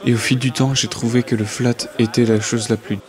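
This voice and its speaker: A man's voice: mid-range voice, level tone, a little fast. Man reading a translated interview voice-over.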